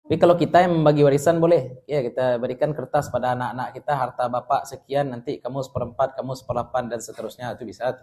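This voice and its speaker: A male Islamic teacher with a Minangkabau accent gives a lively lecture. He explains Arabic words and jokes with his listeners. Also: mid-range voice, fast talker, hardly any pauses. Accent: Minangkabau Indonesian. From West Sumatra. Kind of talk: religious study lecture.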